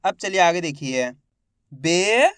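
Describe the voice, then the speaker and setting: Guy teaching kids to read, super slow, says each syllable then the whole word, smooth clear voice, dry sound. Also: fairly high pitch, animated, fairly bright tone, no echo. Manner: addresses viewers as friends, encouraging. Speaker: Hindi reading teacher. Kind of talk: slow syllable-by-syllable reading lesson.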